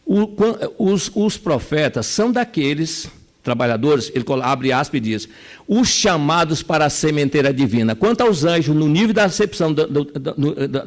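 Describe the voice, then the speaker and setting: A Brazilian man leads a religious study lesson in a fairly high voice. He retells scripture with animated energy and turns often to his listeners. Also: moderate pace. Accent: Brazilian Portuguese. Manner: animated, acts out characters, addresses the audience directly. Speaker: speaker at a spiritist study group.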